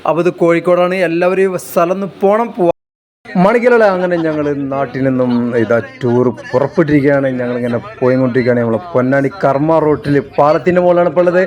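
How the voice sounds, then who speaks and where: A man's voice: on the high side, darkish tone. A man with a northern Kerala Malabar accent narrates a casual travel vlog enthusiastically, mixing English words into his Malayalam. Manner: enthusiastic, repeats a catchphrase. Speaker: travel vlogger. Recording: music under the voice.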